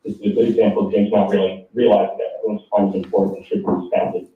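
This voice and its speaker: A man reading a prepared letter aloud over a call whose audio keeps breaking up, halting and apologetic when the line cuts out. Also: fairly low pitch, level tone. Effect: choppy call audio that breaks up. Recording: tinny, echoey call audio from far off.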